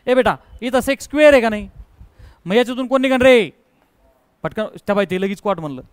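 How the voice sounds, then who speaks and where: High-voiced man drilling a math class. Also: animated, normal speed, clean tone, no room sound, rough recording. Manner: drills students with call-and-response questions; mixes English math terms into speech. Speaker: math teacher. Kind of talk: classroom lecture.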